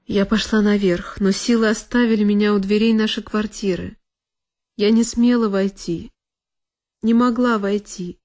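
A woman's voice: mid-range voice, steady tone, normal speed, a little mellow. A woman performing a dramatic reading of a classic novel as narrator, in an intense, emotional storytelling manner. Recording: violin music underneath.

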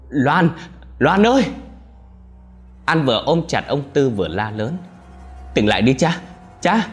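A man narrates a horror story in a dramatic, tense way. His low voice swings widely in pitch, and faint music plays beneath it. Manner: dramatic, tense, rises into shouted cries for quoted lines.

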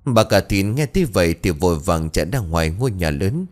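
Low-voiced guy reading a ghost story, swoops up and down a lot. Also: very animated, brisk, darkish tone. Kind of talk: scripted horror story narration.

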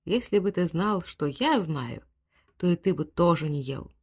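A woman playing a shrill capricious general's wife. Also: lively intonation, normal speed, fairly bright tone. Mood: mysterious. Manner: high, shrill, dramatic exclamations.

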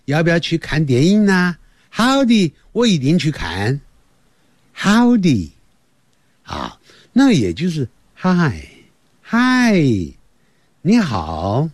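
A man with a slightly husky voice teaches a beginners' class at an unhurried pace, his pitch leaping up and down as he explains. He sounds like a patient teacher, drawing words out and repeating them so learners can follow. The sound is close and dry. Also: no echo. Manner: lively, teacherly, repeats words slowly to demonstrate. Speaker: English teacher. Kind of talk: slow radio lesson for parents and children.

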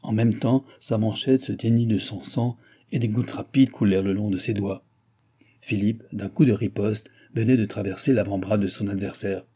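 A man narrating a novel in a measured, expressive reading. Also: on the low side, breathy edge. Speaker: audiobook narrator.

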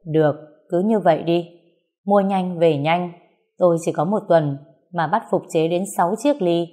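A woman voicing a calm, proud male craftsman held captive, speaking curtly and evenly, in a storybook reading. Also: lowish voice, lightly acted. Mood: scornful. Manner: cool, curt, measured.

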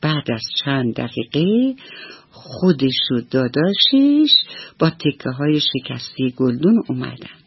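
Brief: woman telling children a bedtime story on radio, expressive, speaks to the kids directly, dry close sound. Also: rumbling low, slightly rough, no echo, highs cut off.

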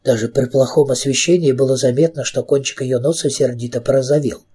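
Expressive audiobook narrator, man, husky and mellow. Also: mid-range voice, fairly quick. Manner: expressive storytelling.

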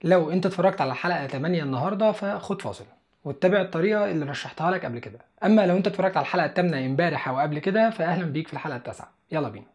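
A man's voice: on the high side, animated, very fast, a little hiss or hum. A man with an Egyptian Arabic accent teaching English listening skills in an online lesson, explaining step by step and speaking straight to the viewer.

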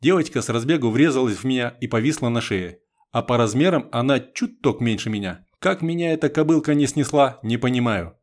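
A man's voice: medium pitch, animated, fairly quick. A man reading a first-person war novel aloud as an audiobook narrator, in a wry, conversational way. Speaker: audiobook reader.

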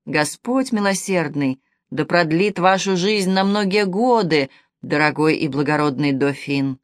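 Devout young peasant girl, reverent and earnest, low voice in a dry booth, read by a woman narrator. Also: measured pace, dry recording, close to an everyday voice.

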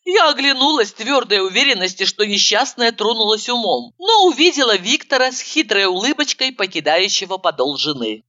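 A woman narrating a first-person audiobook in a brisk, ironic storytelling manner. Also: mid-range voice, big pitch swings, sharp tone, highs cut off.

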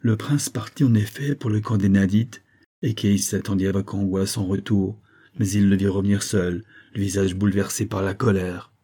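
Low dark husky guy reading an audiobook, calm and measured. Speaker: narrator.

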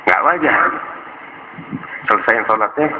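A male preacher telling a story in a lively, colloquial way during a sermon. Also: on the low side, measured pace. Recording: dull lo-fi recording with noise.

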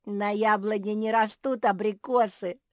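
A woman's voice: medium pitch, animated, unhurried, dry recording, clean studio sound, voice pushed up, lightly acted. A woman voicing a cheeky, teasing squirrel boy in a storybook reading. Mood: mocking. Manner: sly, giggling, teasing.

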